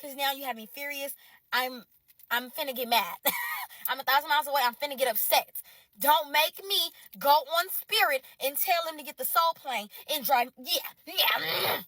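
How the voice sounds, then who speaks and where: A woman's voice: high-pitched, normal speed, sharp tone, dry recording, far from the mic. A woman telling a dramatic storytime straight to her viewers, addressing them as y'all and breaking into laughs. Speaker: storyteller in a clip. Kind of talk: casual storytime to the camera.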